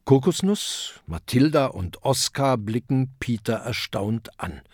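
Slow, lively children's story narrator. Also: medium pitch, husky, no room sound, clean studio sound. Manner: expressive storytelling.

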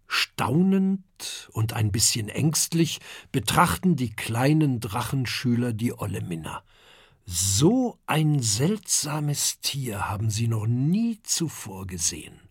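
A middle-aged man narrating a children's storybook with calm, expressive delivery. His voice is husky and lively in pitch, and he takes his time. The sound is dry and close. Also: slow pace, no echo. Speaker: audiobook narrator.

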